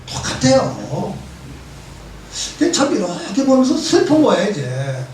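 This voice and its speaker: A priest in his seventies, high-voiced and measured, gives a conversational Bible lecture in a church hall, spinning lively stories with wry humor. He sounds distant and heavily echoed, with a faint hiss or hum in the background.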